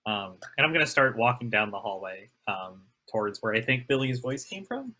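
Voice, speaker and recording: A tabletop game player voices a character who grumbles and complains. The voice is bright and swings widely in pitch. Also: big pitch swings, moderate pace.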